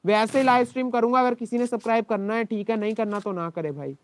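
A man with a Pakistani Urdu accent, a game streamer talking to his live chat in an exasperated, complaining way, his throat dry from shouting. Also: high voice, fast talker. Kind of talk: live gaming stream talk.

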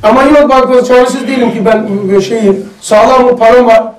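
High-voiced man leading a study circle. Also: fairly even intonation, normal speed, crowd noise. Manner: chatty, storytelling, asks the group questions. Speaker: religious study circle leader. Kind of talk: casual religious lesson with anecdotes. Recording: echoey room, mic far off.

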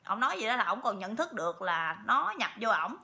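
Telling her viewers a story, this vlogger chats along with lots of repeats and fillers. Her mid-range voice swings widely in pitch, sounds gravelly and sharp, and moves a little fast.

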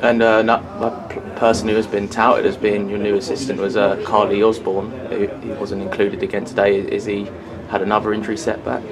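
A man's voice: lowish voice, level tone, a little fast, hardly any pauses, a crowd in the background. A man asking a football manager post-match questions, hesitant and full of fillers. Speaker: club media interviewer.

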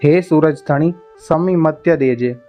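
A man's voice: on the high side, unhurried, dark tone, lightly acted. A man voicing a bold, crafty middle-aged horseman who gives orders in a rustic village way. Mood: worried. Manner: rustic, commanding village dialect. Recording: muffled with faint music behind.

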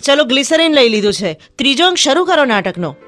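A woman's voice: medium pitch, steady tone, fast, darkish tone, dry recording, faint music behind, pitched above the performer's own voice, lightly acted. A woman voicing a torn young actress in an urgent, emotional way. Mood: forced brightness. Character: torn young actress, hopeful then hurt.

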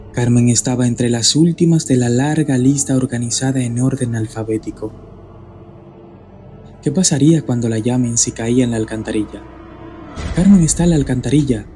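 Guy telling a creepy scary story, slow and serious, soft music under it. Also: medium pitch. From Dominican Republic. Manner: measured, grave storytelling delivery. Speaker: horror story narrator. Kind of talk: scripted horror narration. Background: faint background music.

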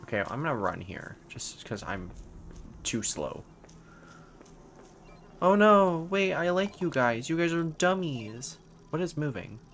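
Jumpy, animated young male horror game streamer. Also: a little high, measured pace, long pauses. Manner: sweary, sarcastic asides. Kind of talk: horror game playthrough commentary. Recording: faint-to-clear game noise behind voice. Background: horror game ambience.

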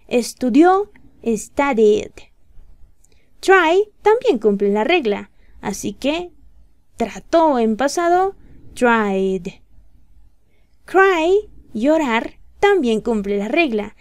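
Slow, patient woman teaching grammar. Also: a little high, darkish tone, dry recording, clean studio sound. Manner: patient, step-by-step, checking questions. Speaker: English teacher. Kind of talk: explaining grammar to beginners.

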